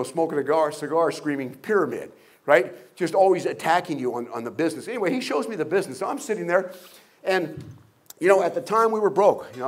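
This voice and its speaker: An older man speaking as a guest at a motivational event, telling humorous stories, asking the audience questions and acting out voices. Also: sits high. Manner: humorous storytelling with jokes and acted-out voices; asks the audience rhetorical questions.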